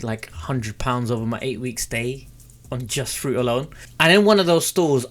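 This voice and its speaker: A man's voice: medium pitch, fairly bright tone. British man chatting casually up close. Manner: informal, chatty, mildly sweary. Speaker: vlogger. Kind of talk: casual storytelling to camera. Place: small room at home, indoors. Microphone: close desk mic with foam cover on a boom arm.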